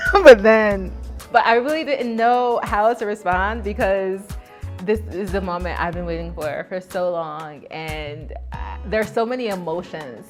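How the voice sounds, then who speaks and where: A woman with an American accent chatting casually with her partner, giggly, earnest and emotional. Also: mid-range voice. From United States. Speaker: partner in a long-distance couple. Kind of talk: casual chat.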